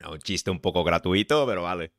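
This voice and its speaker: A man's voice: low-pitched, lively intonation, brisk, a bit bright, a little hiss or hum. A man with an accent from Spain chatting casually and making wry asides while he reacts to a comedy show as a streamer. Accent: Spain Spanish.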